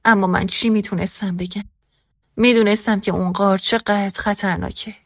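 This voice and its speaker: Her mid-range voice stays even as a woman reads a first-person story from a script, voicing each character the same way. The recording is studio quality with no echo.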